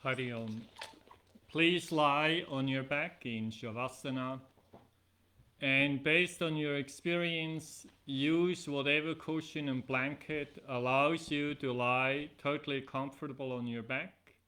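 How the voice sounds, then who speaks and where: A middle-aged man leads a yoga nidra session, giving guided relaxation instructions in measured, deliberate phrases broken by pauses. His medium-pitched voice stays steady, with a pushed, bright tone.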